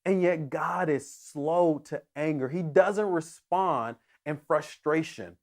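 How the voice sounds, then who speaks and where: A male pastor delivering a sermon with earnest emphasis. His voice sits on the higher side for a man. He often stops and restarts his phrases as he presses a point home. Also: takes it slowly.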